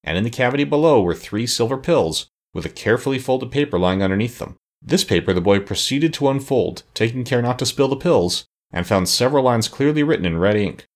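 A man narrating a storybook in an expressive, measured way. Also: mid-range voice.

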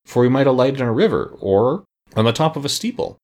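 A man's voice: mid-range voice, very animated, brisk, darkish tone, pitched above the performer's own voice. A man voicing a curious, fretful straw scarecrow in a storybook reading.

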